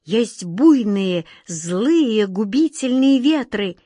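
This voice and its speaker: A woman voicing a lively, touchy boyish whirlwind spirit in a storybook reading, with an excited, darting delivery. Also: mid-range voice, slow, dry recording, clean studio sound. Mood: insistent.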